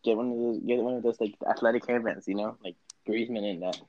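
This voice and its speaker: A man's voice: lowish voice, steady tone, quick pace, dry recording, highs cut off. A teenage guy hosting a casual video-call chat with friends, teasing and laughing often. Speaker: host.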